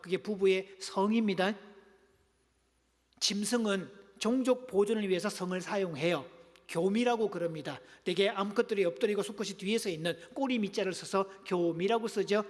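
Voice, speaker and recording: A middle-aged man preaching a sermon, his voice sitting high for a man and full of playful, engaging humor as he keeps calling on the congregation. His voice carries a long reverb from the church hall around him. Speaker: pastor. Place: church sanctuary.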